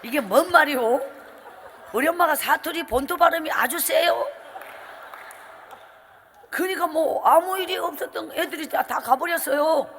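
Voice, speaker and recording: A middle-aged woman evangelist with a strong Gyeongsang accent preaches at a revival, her voice pitched high. She tells her story in an animated way and acts out every exchange. A long hall reverb trails her words through the church. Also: moderate pace, pauses often, a little hiss or hum. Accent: Gyeongsang Korean. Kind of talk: revival sermon testimony. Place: church sanctuary.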